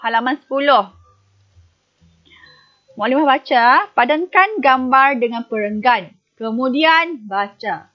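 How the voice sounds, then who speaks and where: Slow, high-voiced woman teaching a lesson. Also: highs cut off. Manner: patient, asks pupils questions and answers them herself. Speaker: primary school teacher. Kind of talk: recorded online lesson.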